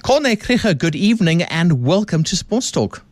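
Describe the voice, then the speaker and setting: Lively South African radio host. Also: male voice, a little high, unhurried, no echo, studio quality. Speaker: radio talk show host. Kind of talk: radio interview.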